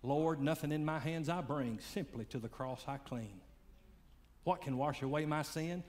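A man preaching a sermon, swinging between loud fiery calls and hushed, quiet lines. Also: fairly high pitch, normal speed. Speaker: pastor.

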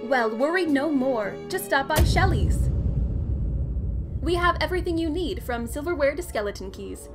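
A high, polished female voice reads supermarket announcements over the store loudspeaker, voiced by a woman, in a smooth, polite manner. Long hall reverb trails each phrase, and music plays clearly underneath. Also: animated, normal speed. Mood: upbeat pitch.

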